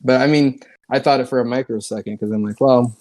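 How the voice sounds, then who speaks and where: A man's voice: mid-range voice, fairly even intonation, a little fast, darkish tone. A man chatting casually as a podcast co-host, with a laid-back, easygoing way of talking and some cursing. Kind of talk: casual chat.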